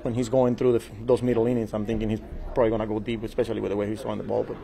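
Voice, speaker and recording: Flat-voiced man at a postgame press table. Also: on the low side, creaky, rough recording. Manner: measured, halting, repeats words and fillers. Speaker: baseball manager. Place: small press room before a sponsor backdrop. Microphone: table mic in front of him.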